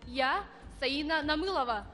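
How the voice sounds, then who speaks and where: A woman's voice: sits high, animated, a little slow, fairly bright tone. A woman in her early twenties giving a formal, rehearsed self-introduction as a pageant contestant. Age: 20s. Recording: reverberant hall, faint music.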